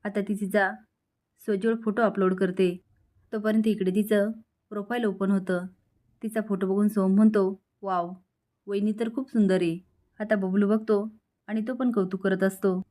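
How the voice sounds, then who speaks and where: A woman narrating a scripted story recap of a television serial in a steady, plain storytelling manner. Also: mid-range voice, normal speed.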